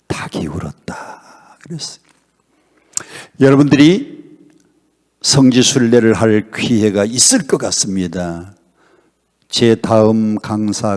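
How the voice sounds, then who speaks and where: A man's voice: on the low side, darkish tone. An older man preaching a revival sermon as guest pastor, putting emphatic questions to the congregation. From Honam, South Korea. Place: church sanctuary at a revival meeting. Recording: long reverb in a church hall.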